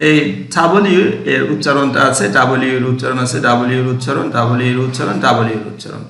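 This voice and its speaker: A man's voice: medium pitch, quick pace, gravelly, a bit bright, roomy sound. A man teaching an English phonics lesson to students, repeating each word as he drills it.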